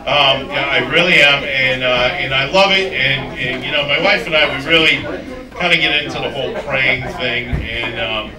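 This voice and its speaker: A man's voice: medium pitch, fairly even intonation, moderate pace, distant mic. A man doing a rambling, self-mocking stand-up routine full of crude jokes. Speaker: stand-up comedian. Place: comedy club stage. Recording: roomy club sound from afar with crowd. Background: audience laughter.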